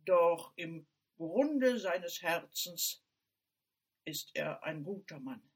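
A woman voicing a good-hearted male beaver who hums, mumbles and repeats his words in a loud, drawn-out way. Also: lowish voice, animated, breathy edge, heavily acted. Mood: kindly.

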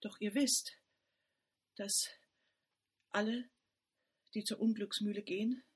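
A woman's voice: steady tone, husky. A woman voicing a timid but brave young girl in a fairy tale. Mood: hushed, resigned. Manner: high and quick when alarmed, hushed when resigned.

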